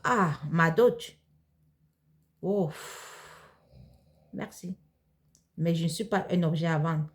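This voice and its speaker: In her casual vlog, a Cameroonian woman responds to viewer questions with hesitation, many fillers, and restarts. Her voice is on the low side, and she speaks slowly with long pauses.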